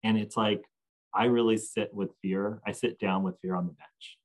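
A man, an entrepreneur guest on a podcast, talking reflectively and becoming animated when he tells anecdotes. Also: fairly low pitch, moderate pace, rough recording. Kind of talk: podcast interview.

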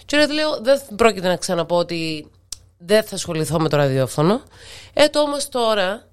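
A woman's voice: mid-range voice, big pitch swings, clear, resonant tone. A middle-aged woman with a Cypriot Greek accent, chatting informally and emphatically as a guest in an interview. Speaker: radio presenter being interviewed. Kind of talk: casual conversational interview talk.

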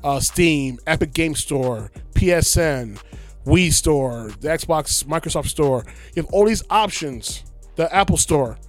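With faint music in the background, a man with a fairly high pitch co-hosts a podcast at an unhurried pace. His casual chat turns into animated rants, punctuated now and then by mocking voices.

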